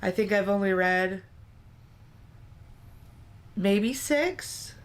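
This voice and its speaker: A woman's voice: mid-range voice, expressive, extremely slow. A woman, tired and yawning, chatting dryly and teasingly with her co-host. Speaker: livestream co-host. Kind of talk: casual chat.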